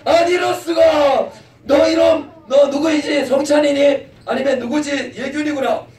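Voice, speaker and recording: A man voicing an angry father who shouts at his greedy younger son, in a children's Bible story. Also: extremely high pitch, steady tone, normal speed, voice pushed up. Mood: outraged. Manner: shouting, outraged. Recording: echoey room, mic from a distance.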